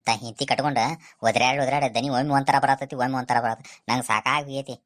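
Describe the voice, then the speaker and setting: A woman's voice: very deep voice, steady tone, quick pace. A woman with a North Karnataka accent playing an exasperated, henpecked husband in a comedy skit, grumbling and threatening. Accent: North Karnataka Kannada.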